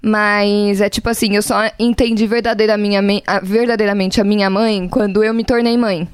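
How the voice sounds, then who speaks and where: A woman's voice: medium pitch, little pitch movement, normal speed, clear, resonant tone, no room sound. A young woman, talking casually in a heartfelt, earnest way, close to tears. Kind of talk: casual chat.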